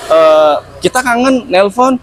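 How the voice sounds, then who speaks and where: A man in his thirties, a podcast guest talking in a relaxed, reflective way in casual chat. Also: high-pitched, measured pace, slight background noise. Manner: easygoing, reflective storytelling.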